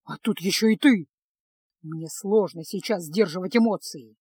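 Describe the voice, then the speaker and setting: A woman reading a storybook, voicing a gruff, sardonic male mage in a curt, grumbling manner. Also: lowish voice, moderate pace, mellow, no room sound, studio quality. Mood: irritated.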